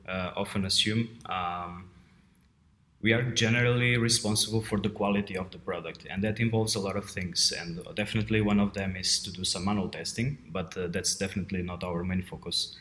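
A Portuguese man, a head of quality assurance, appears as an interview guest and answers questions conversationally. His voice is fairly low, steady, brisk, and a bit bright, and the recording sounds roomy and echoey.

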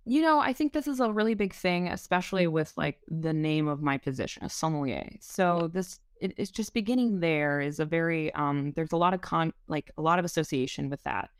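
A woman's voice: deep voice, animated, brisk, few pauses, clear, resonant tone, no echo, clean studio sound. A woman who is a restaurant wine director, answering an interview question in a rambling way with many fillers and restarts.

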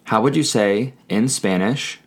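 Male language-lesson narrator, lowish pitch, very slow measured delivery, alternates between English and Spanish. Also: slightly rough. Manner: measured, with repeated phrases and prompts.

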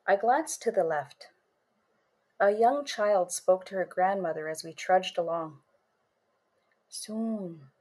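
With a medium-pitched, somewhat dark voice, a female storyteller and writer reads a first-person tale at a measured pace, dwelling on the imagery.

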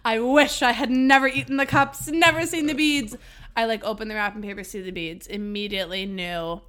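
A woman's voice: a little high, steady tone, fairly quick, a bit bright. A woman in her twenties from New York, co-hosting a podcast and telling a funny story with lots of laughter and casual swearing. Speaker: podcast co-host.

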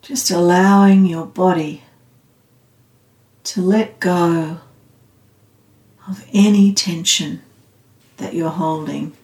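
A woman guiding a meditation in a calm, meditative, soothing tone, unhurried and leaving long pauses. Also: lowish voice. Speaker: meditation guide. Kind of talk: guided loving-kindness meditation. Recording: roomy, slightly echoing sound.

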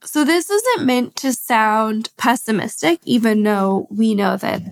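Hoarse, gravelly female podcast host. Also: fairly high pitch, expressive, unhurried. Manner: chatty and sarcastic, with many fillers. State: hoarse from a sinus infection. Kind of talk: casual chat.

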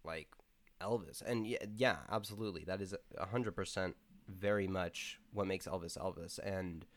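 A man chatting casually about a movie, emphatic and animated, with lots of filler words. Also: low voice, normal speed. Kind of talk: casual chat about a film.

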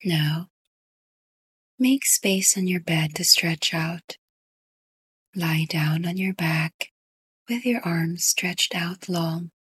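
A woman guiding a sleep meditation in a soft, breathy whisper. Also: fairly low pitch, dry recording, studio quality. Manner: slow, soft whispered delivery. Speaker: meditation guide.

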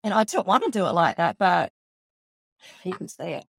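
A woman's voice: on the low side, very animated, normal speed, gravelly, breathy edge, no echo. An Australian woman telling a personal story in an interview, candid and emotional, swearing freely. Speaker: guest.

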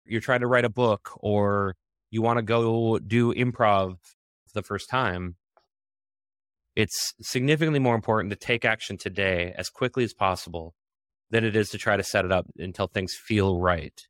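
A man's voice: lowish voice, normal speed, a bit bright, dry recording, clean studio sound. Chatty male podcast host. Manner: laughs often, upbeat and chatty. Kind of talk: casual podcast chat.

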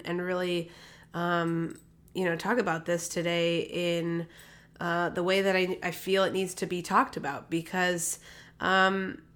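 Recorded on a podcast mic, this holistic health practitioner hosts her own podcast in a casual solo format. Her voice sits on the low side with a fairly bright tone, and she's a little nasal while getting over a cold. She chats and rambles, full of fillers and restarts.

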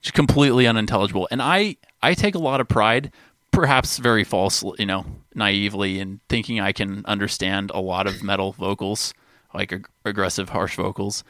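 A man's voice: on the low side, normal speed, bright, forceful tone, no echo, studio quality. A man co-hosting a music podcast, chatting casually with amused enthusiasm and frequent fillers. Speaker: podcast co-host. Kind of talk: casual chat.

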